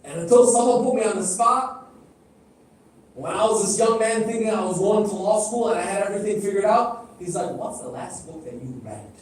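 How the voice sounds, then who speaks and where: A middle-aged man, a native Arabic speaker, preaches a sermon in a large hall at a religious gathering, his voice high-pitched, expressive and a little fast. He addresses the audience directly, asking them questions and repeating phrases for emphasis. The hall is echoey and he is heard from a distance.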